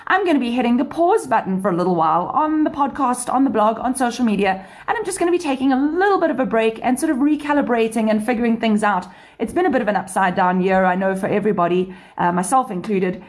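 A woman with a South African accent hosting a radio show, presenting in an enthusiastic, upbeat way that mixes scripted items with chat. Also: medium pitch. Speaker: radio show and podcast host.

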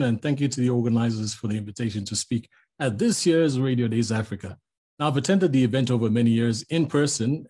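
Husky-voiced man giving a relaxed master class. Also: medium pitch. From Zambia. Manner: relaxed, chatty, self-deprecating. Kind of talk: conversational lecture.

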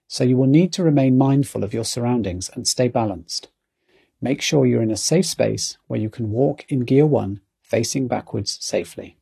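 A man giving calm guided mindfulness narration as an outdoor exercise coach, speaking in a soothing, measured, instructional way. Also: medium pitch, gravelly, slightly rough.

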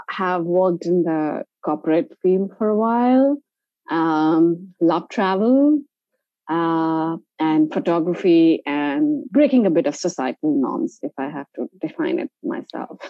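A woman with a lowish, animated voice and an Indian accent talks at a measured pace. She's a travel company founder appearing as an interview guest, recounting personal stories in an explanatory, conversational manner, captured in dry, dull, lo-fi audio.

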